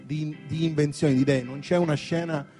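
A man's voice: on the high side, steady tone, brisk, over music. Enthusiastic man discussing films on radio. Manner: enthusiastic, self-mocking. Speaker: radio film commentator. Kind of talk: casual studio discussion.

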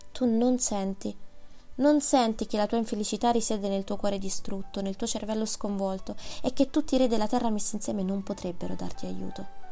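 A woman's voice: medium pitch, creaky, dark tone. A woman reading a literary audiobook in an impassioned, declamatory manner, with faint music behind. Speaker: audiobook narrator.

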